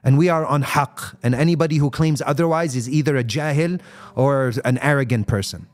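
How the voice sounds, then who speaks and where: A man's voice: medium pitch, brisk. A man giving an impassioned live-stream talk on faith, answering viewers' comments and mixing English with Arabic phrases and rhetorical questions. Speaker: Islamic speaker.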